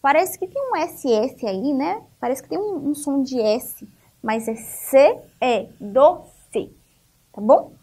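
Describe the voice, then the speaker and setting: A Brazilian woman teaching young children online, her voice pitched high and swinging up and down. She takes her time, stretches words out, asks little questions and answers them herself. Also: big pitch swings, a little slow, warm tone. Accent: Brazilian Portuguese. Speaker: primary school teacher.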